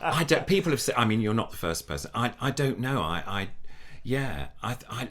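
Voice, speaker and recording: As the guest in a relaxed interview, an older puppeteer talks with enthusiasm, wandering off track and starting over many times. His nasal voice is mid-range and a bit bright, with big pitch swings at normal speed.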